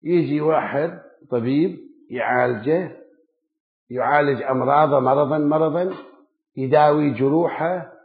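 A man delivers a sermon, building emphatic lists of words that climb and then sink low. The sound is thin and phone-like. It rings with a roomy echo. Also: normal speed, pauses often. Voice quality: emphatic, rhythmic listing of words, rising then dropping low. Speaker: preacher. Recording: echoey, phone-like lo-fi recording.

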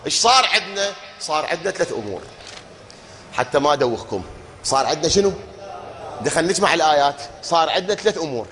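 A man with an Iraqi accent giving a religious lecture to an audience, firing rhetorical questions, chanting verses slowly and breaking into shouts. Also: high-pitched, slight background noise. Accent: Iraqi Arabic. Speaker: preacher. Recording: long reverb of a hall.

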